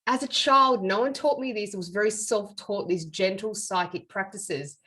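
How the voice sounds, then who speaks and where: This is an interview with a middle-aged woman from Australia who works as a medium and author. Telling her life story earnestly and reflectively, she uses a medium-pitched voice that sounds pushed and bright with a breathy edge, and she keeps a moderate pace.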